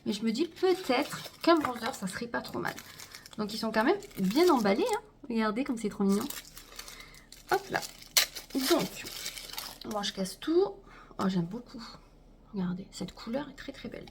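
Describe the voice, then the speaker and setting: A chatty woman unboxes makeup at home, her voice pitched a little high. She talks straight to her viewers and trails off with fillers as she goes. A faint hiss sits under the recording. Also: lively intonation, normal speed, pauses often. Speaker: beauty vlogger. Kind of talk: casual haul unboxing chat.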